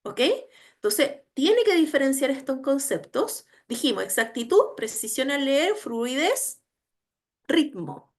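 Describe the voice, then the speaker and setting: Taking it slowly, a woman with a high-pitched voice and big pitch swings teaches an online training session about educational assessment. Her delivery is emphatic, punctuated by frequent tag questions to check comprehension.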